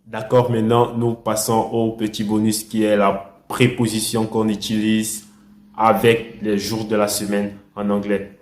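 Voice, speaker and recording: A man teaching a basic language lesson, patiently repeating each word for learners to say after him. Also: on the low side. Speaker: English and French teacher. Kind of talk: slow explanatory language lesson. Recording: echoey room.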